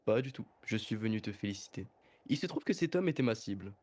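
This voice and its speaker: A man's voice: fairly low pitch, animated, quick pace, darkish tone. A man voicing an anime dub of a composed, menacing villain, speaking formally and theatrically. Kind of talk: French anime dub parody, scripted villain monologue.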